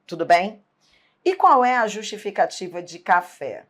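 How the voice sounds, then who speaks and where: A woman's voice: mid-range voice, expressive, moderate pace. A woman teaching an exam-prep grammar lesson, emphatic, asking rhetorical questions and checking in often.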